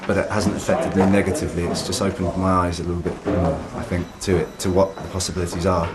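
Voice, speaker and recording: A man speaking in a measured, serious interview. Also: deep voice, flat delivery, loud music behind the voice. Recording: crowd noise behind.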